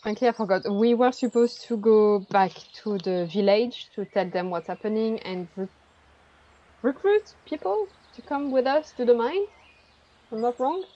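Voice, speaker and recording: Female player on a bluetooth headset mic; mellow, dull lo-fi sound, polite, hesitant delivery. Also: on the high side, lively intonation, unhurried. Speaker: player in an online tabletop game. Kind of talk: casual game chat.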